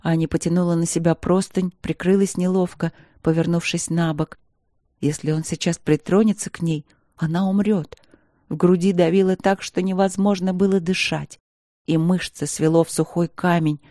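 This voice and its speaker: A woman reads a novel aloud in a measured, even way. Her voice sits somewhat low and mellow. The recording is close and dry. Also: no echo. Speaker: audiobook narrator. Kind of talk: scripted narration.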